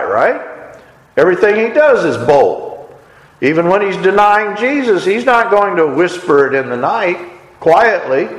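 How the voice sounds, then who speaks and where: A man preaching a sermon, retelling a story and briefly acting out the characters' lines with expression. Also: on the high side. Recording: echoey hall.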